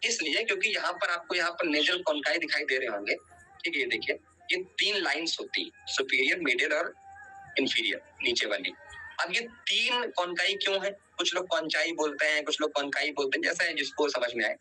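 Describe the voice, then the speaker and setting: Bright-voiced man teaching biology online. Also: fairly high pitch, animated, brisk, faint music behind, low-quality recording. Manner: explains step by step, often checks with "ठीक है"; quizzes students and urges revision.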